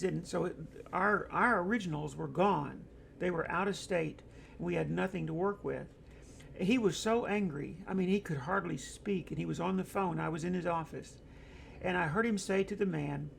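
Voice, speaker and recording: Middle-aged male host, slightly high voice with heavy vocal fry, loose anecdotal chat, faint noise. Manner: rambling, anecdotal, many fillers. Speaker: host of an online discussion show. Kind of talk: casual talk reading viewer comments.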